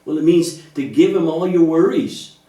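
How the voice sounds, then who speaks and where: A man with a somewhat high, dark-toned voice speaks at a normal speed in a children's church puppet show. He's patient and reassuring, explaining faith in simple terms through gentle scripted dialogue, recorded from a distance in an echoey room.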